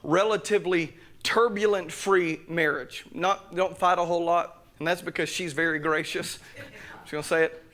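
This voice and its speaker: Guy preaching in a church, high bright voice, jokes then gets loud. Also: steady tone, normal speed. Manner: fervent, joking, swings from loud preaching to quiet asides. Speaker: pastor. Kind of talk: sermon. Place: church sanctuary.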